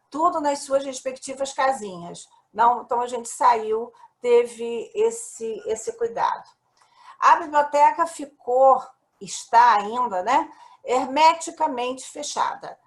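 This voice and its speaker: A Brazilian woman from a national library speaking as a panelist, recalling events in an unhurried, story-like way. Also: fairly high pitch. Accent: Brazilian Portuguese. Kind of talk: recounting experience on a panel.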